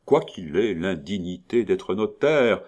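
A man reading a novel aloud, voicing a bold, teasing countess in a raised, mocking voice. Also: slow pace. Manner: lively, mocking, raises pitch sharply.

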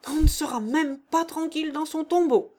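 A woman reading aloud and voicing a brash, mocking dead man who speaks loudly and taunts the others. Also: on the high side, sing-song, unhurried. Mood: taunting. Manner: loud, taunting, boastful.

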